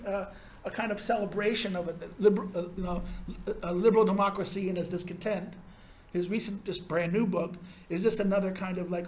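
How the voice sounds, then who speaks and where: A male university lecturer with a fairly high voice talks through a classroom lecture in a rambling, sardonic way, often restarting his sentences. The sound carries the echo of a roomy lecture hall. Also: slight background noise.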